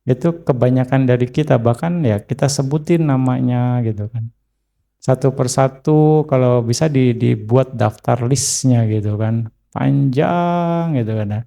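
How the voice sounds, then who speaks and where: A man, a Buddhist monk, giving an unhurried, conversational dharma talk that is full of filler tags and answers a listener's question. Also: mid-range voice, gravelly, dark tone. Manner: acts out story dialogue with a raised voice.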